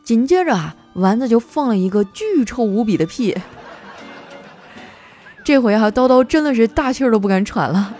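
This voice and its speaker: Chatty woman telling office stories, mellow voice, bouncy pitch, faint music behind. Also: lively intonation, moderate pace, pauses often. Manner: chatty, playful, acts out quoted coworkers. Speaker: host. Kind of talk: comic storytelling monologue.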